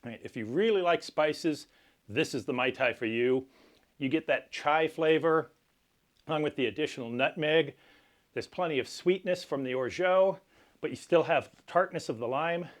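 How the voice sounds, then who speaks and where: A man hosting a cocktail tutorial, explaining each step in a measured, instructional way. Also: a little high. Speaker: cocktail channel host. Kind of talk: cocktail recipe tutorial presentation.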